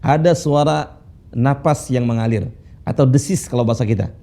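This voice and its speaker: A man teaching Quran recitation rules, patiently drilling students with slow, drawn-out recited phrases. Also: mid-range voice, vocal fry, dark tone. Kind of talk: tajwid lesson with recitation drills. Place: classroom studio with whiteboard.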